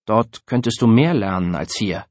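A man's voice: lowish voice, lively intonation, moderate pace, a little mellow, no echo, lightly acted. A man voicing a patient adult male teacher who speaks earnestly to a student in an audiobook.

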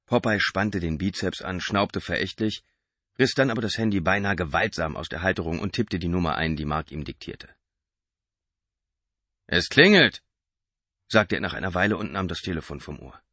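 A man narrating an audiobook in a tense, expressive reading. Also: low voice, brisk, no echo. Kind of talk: scripted narration.

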